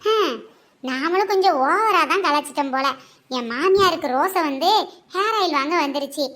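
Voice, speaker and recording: A woman playing quarrelling village women, a mother-in-law and a daughter-in-law, in a scripted comedy skit, with teasing, quick-tongued banter. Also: very high voice, lively intonation, sharp tone, exaggerated voice. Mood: quarrelsome.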